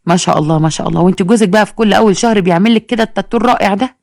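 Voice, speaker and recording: A woman's voice: medium pitch, racing, gravelly, darkish tone, no echo, clean studio sound, natural voice. A woman voicing an exasperated young Egyptian pharmacist who answers customers sarcastically. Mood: exasperated, sarcastic.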